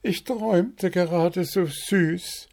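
Storybook male bird acting a sleepy princess, falsetto-high and dreamy, read by a man. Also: slow, gravelly, darkish tone, full character voice.

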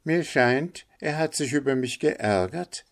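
A man voicing a calm male linnet bird in a storybook reading, mild and composed. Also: mid-range voice, unhurried, pitched above the performer's own voice.

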